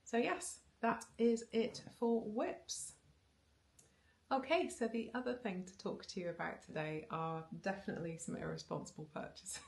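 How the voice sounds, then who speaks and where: A Welsh woman in her thirties vlogs about knitting from her living room with bookshelves, talking to a camera on a tripod facing her. Her mid-range voice has vocal fry and a normal pace, and she rambles casually with ums, restarts and little laughs.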